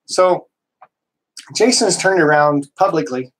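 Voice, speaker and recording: A man from Canada hosting a casual live stream, talking in a slightly high voice. He gets worked up and emphatic, rambling through restarts and dropping the odd mild swear word. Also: lively intonation, slow pace, fairly bright tone, rough recording.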